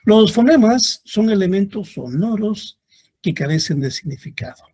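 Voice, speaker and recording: A man giving a classroom lecture, speaking slowly and deliberately and repeating examples for his students. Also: high-pitched, expressive, mellow, slightly rough. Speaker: university lecturer.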